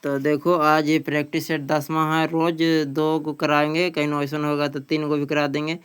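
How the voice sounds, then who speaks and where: Reading out quiz questions and answers for exam coaching, this male teacher has a strikingly clean, smooth voice pitched slightly high and nearly melodyless. His delivery is flat, his pace moderate, his tone fairly bright, and he speaks plainly, frequently repeating a phrase.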